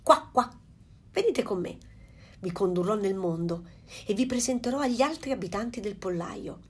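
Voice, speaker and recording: A woman voicing a proud, fussy mother duck in a storybook reading, with a slightly husky voice. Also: mid-range voice, expressive, normal speed.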